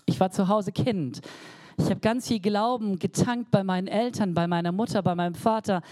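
Earnest woman preaching, warm dry voice. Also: medium pitch, normal speed, no echo. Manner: earnest, emphatic preaching with repeated phrases. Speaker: pastor. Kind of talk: sermon.

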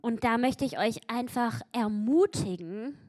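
A woman's voice: a little high, expressive, measured pace, a little mellow. A woman preaching a sermon with emphatic delivery, acting out quotes with mounting intensity. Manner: emphatic, acts out biblical quotes with rising intensity.

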